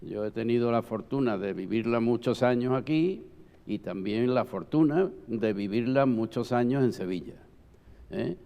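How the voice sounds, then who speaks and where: Older gravelly man, reverberant hall. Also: mid-range voice, animated, normal speed, mellow. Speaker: panel guest, former Holy Week proclamation speaker. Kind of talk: reminiscing in a round-table talk.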